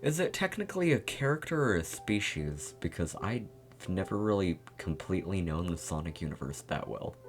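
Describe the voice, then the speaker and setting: Male streamer, very low voice, unhurried and giggly, faint game music behind. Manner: giggly, rambling, laughs often. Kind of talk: casual game playthrough commentary.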